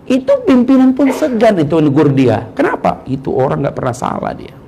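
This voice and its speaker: Gravelly-voiced male preacher with dramatic swings. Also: sits high, huge pitch swings, a little fast, background noise. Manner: dramatic swings between loud exclamations and hushed asides; addresses the crowd with questions and playful skits. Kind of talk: mosque sermon. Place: large mosque hall.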